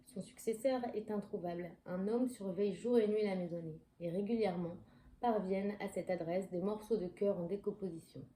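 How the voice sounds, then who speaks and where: A woman's voice: mid-range voice, mellow, roomy sound. A woman chatting casually in a book haul video, digressive and full of hesitations, reading book blurbs aloud. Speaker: book vlogger.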